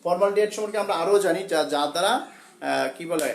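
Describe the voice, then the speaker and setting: High-voiced Bangladeshi teacher in an echoey room. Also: male voice. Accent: Bangladeshi Bengali. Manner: repeats key words slowly for students to memorize; halting, with frequent fillers and self-corrections. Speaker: school teacher. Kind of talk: classroom science lesson.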